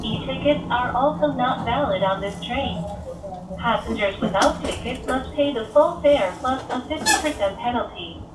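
A woman making formal, polite train announcements over a carriage loudspeaker. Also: fairly high pitch, normal speed. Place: inside a moving train carriage. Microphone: recorder in the carriage, far from the speaker. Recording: distant echoey loudspeaker amid train noise. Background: running train noise.

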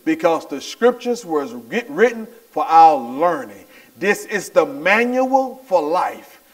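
High-voiced excitable male pastor preaching. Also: slow. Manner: excitable, repeats phrases and calls for the crowd to answer. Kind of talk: sermon. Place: church service.

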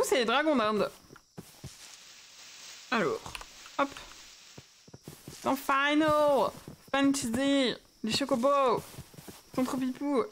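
A young woman chatting excitedly while playing a game on a livestream and talking to her in-game pets and her chat. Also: on the high side, slight background noise. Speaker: streamer. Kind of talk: casual Minecraft livestream commentary.

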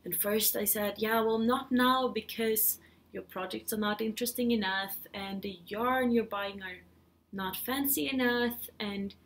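Talking a little slowly with fairly even intonation, a woman whose voice is on the high side chats about knitting in a casual, somewhat hesitant way. She's a Swedish podcast host in her thirties with a Swedish accent, recording indoors in her living room.

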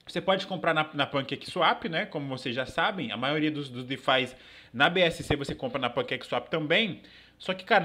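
Bright-voiced Brazilian man walking through a tutorial. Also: on the high side. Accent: Brazilian Portuguese. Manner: casual, filler-heavy, frequent tag questions. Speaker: crypto channel host. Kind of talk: live screen-share tutorial. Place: small room indoors.

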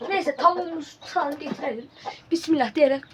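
A woman's voice: high-pitched, fast talker. A woman chatting casually to her viewers from a chicken coop, talking to them like friends and bluntly scolding the animals around her. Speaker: vlogger. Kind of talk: casual vlog chat. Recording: loud farmyard noise with clucking birds.

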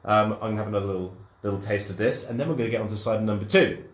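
A man's voice: on the low side, rapid-fire, roomy sound. A man from the UK hosting a live online cider tasting, talking enthusiastically with plenty of ums and restarts. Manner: enthusiastic, lots of ums and restarts, greets viewers. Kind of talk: live-streamed tutored tasting, chatty.

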